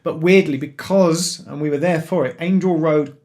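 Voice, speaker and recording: Excitable London man, rambling livestream chat. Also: a little high, normal speed. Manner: rambling, laughs often, excitable. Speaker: railway YouTuber host.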